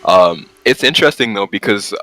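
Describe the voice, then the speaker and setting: Deep, bright-voiced man calling races. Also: lively intonation, normal speed, low-quality recording. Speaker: race commentator, host. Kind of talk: casual live sim-race commentary.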